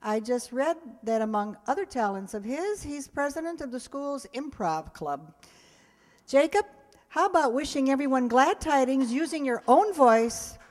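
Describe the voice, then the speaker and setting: In an echoey hall full of audience noise, a woman directing a theater group offers her audience and cast a chatty thank-you at a live stage show. She's American, with a high-sitting, animated voice of darkish tone and a normal speaking speed.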